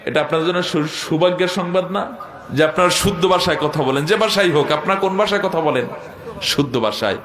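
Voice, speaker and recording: A man preaching a sermon at a religious gathering, firing rhetorical questions at the crowd, swinging between loud declaiming and low asides, and chanting Arabic lines. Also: brisk. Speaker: preacher at a Quran commentary gathering. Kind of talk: Bengali waz sermon. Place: outdoor religious gathering with loudspeakers. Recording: echoey public address sound.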